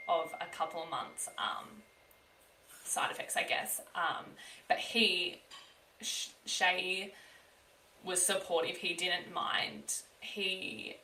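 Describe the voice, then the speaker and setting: A woman's voice: lowish voice, slow, pushed and bright, distant mic, slight background noise. A woman in her twenties co-hosting a podcast in casual, chatty talk full of fillers and restarts. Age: 20s. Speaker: podcast co-host. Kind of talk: casual chat. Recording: roomy, off-mic sound.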